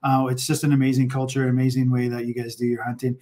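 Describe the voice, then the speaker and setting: A man's voice: medium pitch, completely flat delivery, quick pace, darkish tone. A man hosting an interview show, chatting enthusiastically and casually, with lots of fillers and restarts. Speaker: podcast host.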